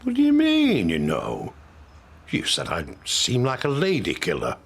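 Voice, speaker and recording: An actor playing a bantering working-class husband in a TV soap. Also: male voice, mid-range voice, huge pitch swings, a little slow, vocal fry, husky, full character voice. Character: cocky working-class northern husband, reminiscing. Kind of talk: soap opera acting.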